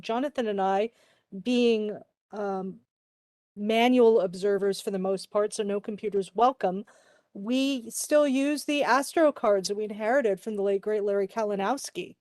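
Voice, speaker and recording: Over a video call, a woman hosts a virtual club meeting, friendly and chatty and saying "y'all." Her mid-range voice has a darkish tone, with no echo.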